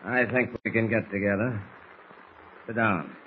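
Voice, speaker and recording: An actor playing a tough, threatening smuggler boss with slangy gangster bluster in an old radio serial. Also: male voice, fairly low pitch, a little slow, natural voice. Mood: gloating, menacing. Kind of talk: 1940s radio serial acting. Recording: muffled, hissy old radio recording.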